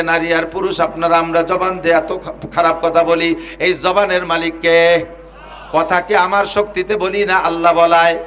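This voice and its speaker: A man preaching a Bengali waz sermon with a Bangladeshi accent, telling scenes dramatically, rising to shouts and chanting Arabic verses. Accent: Bangladeshi Bengali, Gopalganj region. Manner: dramatic, swings between low storytelling and high shouting, chanted Arabic.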